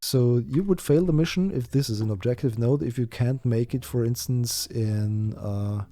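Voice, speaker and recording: Streaming a game live, a man whose native language is German talks through his thoughts, full of fillers and false starts. He speaks at normal speed in a mellow, mid-range voice, and the recording is dry.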